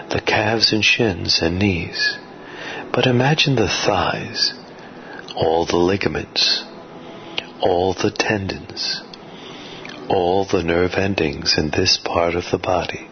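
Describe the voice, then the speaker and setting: A deep-voiced man delivers a guided sleep hypnosis in a soothing sleep-story manner. He speaks very slowly, with measured, repetitive suggestions. The recording is dull and lo-fi, with music underneath. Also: slight background noise.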